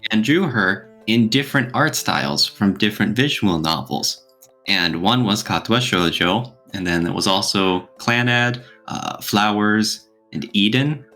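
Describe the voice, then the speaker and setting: This podcast co-host speaks in a lowish, expressive voice, bright and forceful, at a measured pace. He's a man in a casual discussion, laying out his points and throwing in questions, over background music.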